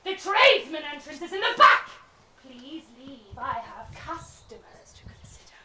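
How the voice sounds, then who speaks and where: A woman voicing an unpleasant male shopkeeper who turns smooth and fawning for a rich customer. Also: a little high, unhurried, voice pushed down, close to an everyday voice. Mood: haughty. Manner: snooty, then smooth and fawning. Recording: roomy, distant, noisy.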